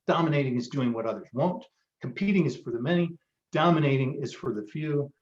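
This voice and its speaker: A man's voice: a little high, expressive, a little fast. Fired-up man giving a motivational workshop. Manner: motivational, pep-talk delivery with frequent ums. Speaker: marketing workshop host. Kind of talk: live online workshop presentation. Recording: roomy, dull lo-fi sound.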